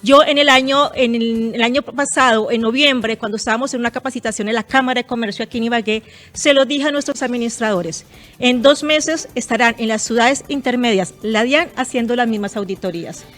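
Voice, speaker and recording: Woman on a radio talk show, fairly high voice, explains tax stuff step by step, faint music behind. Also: a little fast, a bit bright. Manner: precise, explanatory, uses examples. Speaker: guest expert on property tax.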